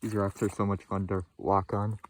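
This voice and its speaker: Holding his phone at arm's length, a young rock hunter talks through his search in a laid-back, plainspoken vlog style, in a yard and rock field or a parked van. His lowish voice barely shifts in pitch and moves at a moderate pace over slight background noise.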